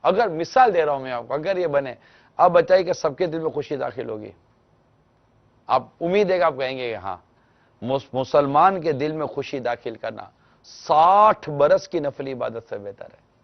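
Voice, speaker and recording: Gravelly male religious scholar giving gentle advice. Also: fairly high pitch, expressive, lo-fi sound. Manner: gentle, instructive, acts out household dialogue. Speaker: religious scholar answering callers. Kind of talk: televised religious advice talk.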